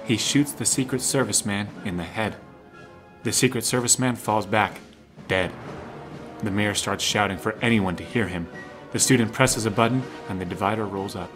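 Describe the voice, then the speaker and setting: Here a man with a rather low voice narrates a scripted drama at a normal speed. He describes what happens in the present tense, and soft music plays under him.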